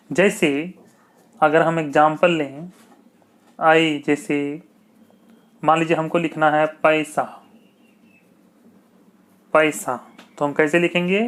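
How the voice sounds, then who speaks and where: Slow, repetitive male teacher. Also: a little high, a bit bright. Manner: slow, repetitive, asks checking questions. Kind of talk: exam-prep grammar lesson.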